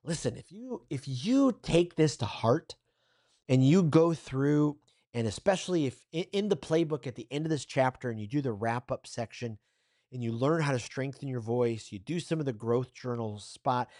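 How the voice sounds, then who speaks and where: A man's voice: medium pitch, animated, moderate pace, dark tone. Upbeat man coaching a training course. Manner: upbeat, encouraging, speaks straight to the viewer; loose and conversational, with fillers and restarts. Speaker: communication coach, course instructor. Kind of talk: recorded training lesson.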